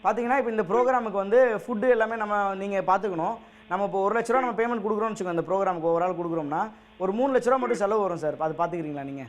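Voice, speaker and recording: A man with a high, bright voice rattles off a slick sales pitch at breakneck speed as he pranks someone over the phone. His sits over a faint hiss of noise. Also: rapid-fire, lo-fi sound. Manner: smooth salesman patter, apologetic later. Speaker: prank caller, show co-host. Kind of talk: prank phone call, then casual chat.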